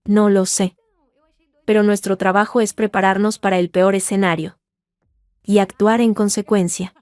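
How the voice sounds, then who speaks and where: A woman voicing a calm, methodical male lawyer giving careful instructions in a read-aloud story. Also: high-pitched, clean tone, no echo, studio quality, lightly acted. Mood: earnest. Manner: measured, grave, instructive. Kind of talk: scripted narration.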